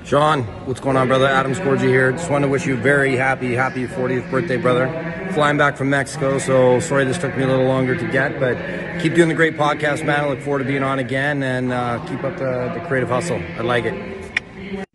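A man's voice: medium pitch, steady tone, brisk. A man giving an upbeat birthday greeting, apologizing for sending it late. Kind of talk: casual recorded birthday greeting. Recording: loud music behind voice. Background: loud music.

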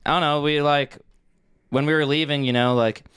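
Man, clear resonant voice, dry close sound, slangy, profane, casual podcast co-host. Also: on the high side, steady tone, normal speed, a bit bright, no room sound. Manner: slangy, swearing, anecdotal.

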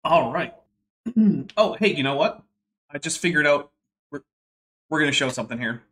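A chatty young man hosts a casual home livestream, reading super chats aloud with a wry touch. His expressive voice sits on the high side, a bit bright and husky, at a moderate pace.

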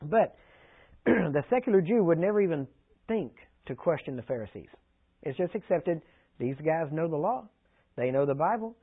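A man's voice: on the high side, animated, moderate pace, slightly rough. A man from Texas, preaching conversationally and often checking in with his listeners. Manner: conversational, asks the audience frequent check-in questions. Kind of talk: sermon teaching. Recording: tinny phone-like archive recording.

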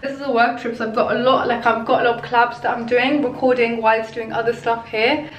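A woman's voice: a little high, fairly even intonation, fast talker, rough recording. A woman casually vlogging a trip, chatty and rambling with lots of fillers. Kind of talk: casual vlog chat.

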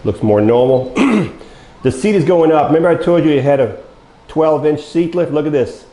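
Folksy and animated, an older mobility dealer explains a power wheelchair step by step to viewers he calls folks, coughing as his voice goes hoarse. His voice is a little high and mellow at normal speed. He's recording in an echoey, large, bare indoor showroom studio.

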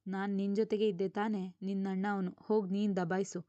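A woman's voice: mid-range voice, level tone, a little fast, warm tone, no room sound, dull audio, natural voice. A woman voicing an easygoing young man, offhand and a bit defensive.

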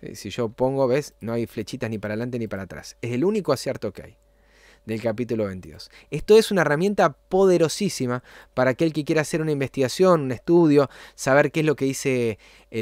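A man's voice: medium pitch, a little mellow, no room sound. A man talks through a program on screen in an easygoing tutorial. He keeps checking that the listener is following along. His voice sits in an ordinary middle range, recorded dry and close. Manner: explanatory, often checks in with a quick "¿sí?". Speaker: channel host giving a software tutorial.

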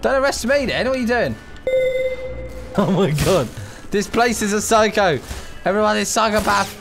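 Man putting on an excitable high-pitched Mexican accent. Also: normal speed, vocal fry, over music. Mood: protesting, agitated. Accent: Mexican, put on. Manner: exclamatory, pleading, repetitive. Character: excitable, pleading Mexican migrant seeking America. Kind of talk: improvised game role-play.

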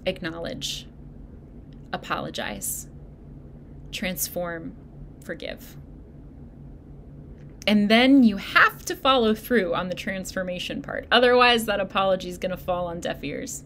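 A woman pastor giving a sermon, speaking in a gentle, encouraging way straight to her listeners. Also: mid-range voice, animated, normal speed, few pauses, slight background noise. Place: church video recording.

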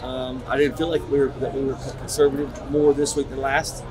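A middle-aged man, a head football coach at a postgame press conference, talking in halting, restarting sentences with many repeats. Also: medium pitch, level tone, rough recording. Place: concrete-walled stadium corridor. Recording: crowd chatter behind. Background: crowd noise.

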